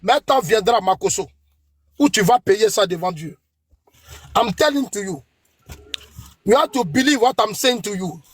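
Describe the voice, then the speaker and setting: A man's voice: high voice, animated, measured pace, pauses often, slightly rough. A man from Ivory Coast with an Ivorian French accent, delivering an emphatic, accusing political rant straight at a rival and repeating the rival's name. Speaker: political commentator. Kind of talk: heated rant addressed to a rival.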